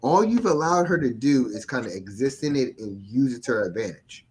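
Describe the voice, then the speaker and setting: A man holds forth in a relaxed podcast conversation, his voice rising and falling with lots of movement. He talks in an animated way and swears freely. His pitch sits in an ordinary middle range. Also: fairly quick. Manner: animated, swearing, acts out quotes. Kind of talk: casual podcast chat.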